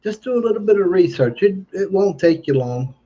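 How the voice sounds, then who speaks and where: High-voiced and animated, this man talks fairly quickly in a mellow tone, his speech slightly slurred from having no teeth. On a livestream he gives an emphatic, off-the-cuff political monologue, repeating phrases for weight, over dull lo-fi audio.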